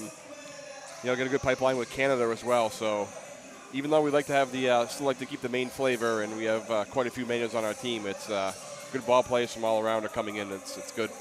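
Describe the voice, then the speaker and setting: A man who coaches at the college, joining the broadcast courtside as guest commentator, talking haltingly and repeating words. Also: medium pitch, rough recording. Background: music.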